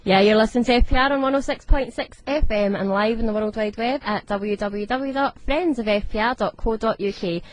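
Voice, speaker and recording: A woman's voice: on the high side, fairly quick, few pauses. A woman hosting a radio show from the studio, interviewing guests in a friendly, giggly way. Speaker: radio host.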